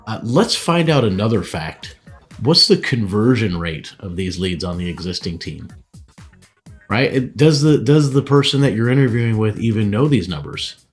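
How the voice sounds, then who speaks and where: A man's voice: fairly low pitch, expressive, normal speed, soft background music. A man speaking to camera as a real estate team leader, giving practical advice in a conversational way and often checking in with "all right" and "right".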